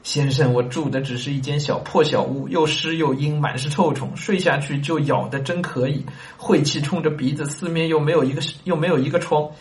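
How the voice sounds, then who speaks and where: A man's voice: fairly high pitch, steady tone, brisk, hardly any pauses, lightly acted. A man voicing a downtrodden male servant who keeps pleading and complaining about his lot. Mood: woeful. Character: downtrodden male servant, whiny and self-pitying.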